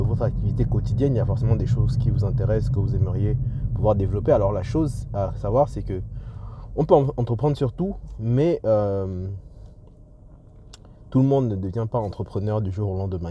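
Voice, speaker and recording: Man vlogging through a face mask, muffled. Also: lowish voice. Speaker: entrepreneurship vlogger. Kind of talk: casual vlog talk to viewers. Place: on the move, leaving a garage. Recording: muffled lo-fi audio, clear vehicle and ambient noise.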